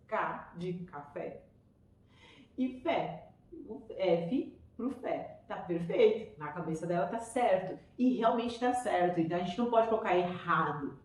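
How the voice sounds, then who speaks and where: A woman's voice: on the low side, darkish tone. A woman teacher with a Brazilian Portuguese accent, explaining children's reading stages to parents in an enthusiastic, chatty way. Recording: echoey room, voice from far off.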